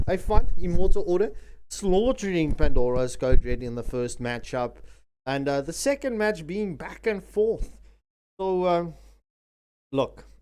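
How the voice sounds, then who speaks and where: A man giving live esports commentary in an animated, chatty way, repeating himself for emphasis. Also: high voice, clean tone. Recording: noisy stream mic with clicks.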